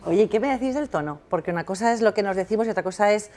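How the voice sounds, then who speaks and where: Female host, conversational, reflective, mid-pitch everyday voice. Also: lively intonation, rapid-fire, warm tone, a little hiss or hum. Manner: asks questions, chatty and reflective. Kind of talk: casual conversation.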